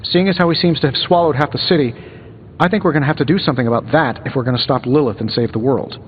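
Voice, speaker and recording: A man's voice: mid-range voice, fast, a little hiss or hum, lightly acted. A man voicing a wisecracking genius inventor superhero in a video game, with an American accent and a glib, sardonic, conversational manner. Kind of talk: video game dialogue acting. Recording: muffled game audio, long reverb, music behind.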